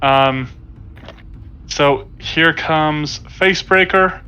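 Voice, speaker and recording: Bright-voiced man explaining his game moves. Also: fairly high pitch, drawn-out words, clean tone, rough recording. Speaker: player. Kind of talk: casual tabletop play.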